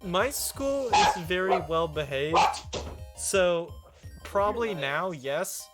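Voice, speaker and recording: A man's voice: sits high, lively intonation, slow pace, over loud music. A teenage male streamer chatting casually while he plays, joking and laughing often. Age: teens. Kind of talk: casual chat while gaming.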